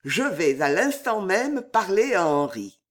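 Narrator doing older father figure, tender and coaxing, slow, lively lilt, storybook reading. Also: mid-range voice. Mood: earnest. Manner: pleading, reassuring. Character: aging fatherly financier, worried and tender. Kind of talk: audiobook character reading.

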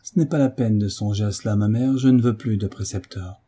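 A man's voice: on the low side, brisk, dark tone, breathy edge. A man reading a novel aloud, voicing a sulky, hot-tempered teenage boy who defies his mother. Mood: sullen. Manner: sulky and defiant.

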